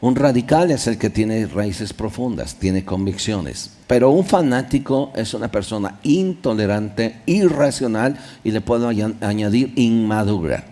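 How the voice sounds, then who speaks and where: A male pastor preaching a sermon in a church, reading Bible verses aloud and explaining them, with sudden loud rises and soft drops. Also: lowish voice, expressive, measured pace, few pauses.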